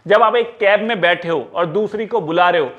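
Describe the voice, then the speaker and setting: A man's voice: high-pitched, moderate pace, narrow, tinny audio. A man talking casually to camera as a YouTuber, giving advice and slipping English words into his Hindi. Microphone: small clip-on mic.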